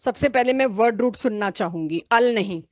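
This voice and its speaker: A woman's voice: fairly high pitch, lively intonation, normal speed, no room sound. A woman chemistry teacher giving a live online class, calling on students by name and correcting them firmly.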